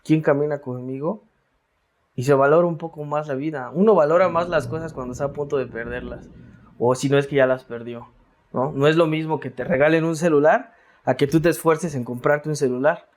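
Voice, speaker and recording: A Mexican man speaking as a guest in a casual interview, with a voice a little on the high side. He talks in a reflective, rambling way, filling pauses and repeating words as he goes.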